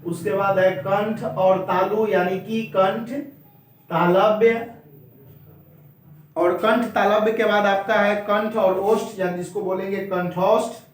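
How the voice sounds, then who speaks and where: A man teaching a Hindi grammar lesson at a board, drilling each point slowly and repeating it while he speaks straight to his students. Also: high-pitched, fairly even intonation. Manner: slow, repetitive drilling, addresses students directly. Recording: very echoey room.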